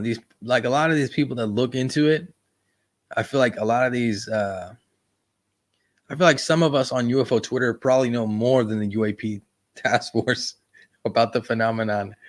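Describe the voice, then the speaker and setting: A man hosting a casual livestream chat, rambling in a laid-back way and often tossing in "man.". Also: mid-range voice. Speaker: YouTube livestream host.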